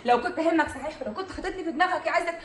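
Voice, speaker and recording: An actress with an Egyptian accent playing a neglected, resentful wife who complains reproachfully in a stage comedy. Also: female voice, very high-pitched, very fast, echoey room.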